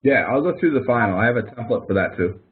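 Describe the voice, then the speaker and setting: Speaking fast and expressively in a fairly low voice, a man guides an online help session. It's a casual screen-share of a spreadsheet exercise on a web conference, explained step by step with an informal, folksy touch. The recording sounds muffled and phone-like.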